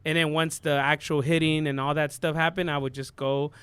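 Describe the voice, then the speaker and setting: A man's voice: on the high side, level tone, a little fast, a bit bright, clean tone, no room sound. A young man from Southern California, a guest DJ, telling his story in a loose, rambling, slang-filled way. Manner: laid-back, rambling, lots of fillers and slang. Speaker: podcast guest, DJ. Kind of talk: casual storytelling chat.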